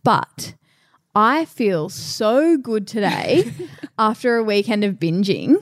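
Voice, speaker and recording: A young woman co-hosts a podcast with a mid-pitched voice in a dry recording. Her talk is casual and informal, peppered with "like" and little quotes of herself. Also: animated, slow pace, no echo. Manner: informal, frequent "like" and self-quoting. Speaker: podcast co-host. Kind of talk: casual chat.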